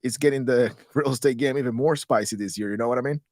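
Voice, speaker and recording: A man's voice: mid-range voice, quick pace, a little mellow, no room sound, studio quality. A man in his thirties from Guatemala, a real estate investor, talking casually as an interview guest and often restarting words. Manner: rambling, repeats words when restarting.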